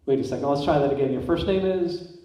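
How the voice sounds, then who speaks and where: A man's voice: fairly high pitch, fast talker, dark tone. A man working as a stage hypnotist and host, giving simple repeated instructions and questions to volunteers in a live comedy show. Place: large indoor school stage, echoing. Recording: echoey hall, picked up from far off.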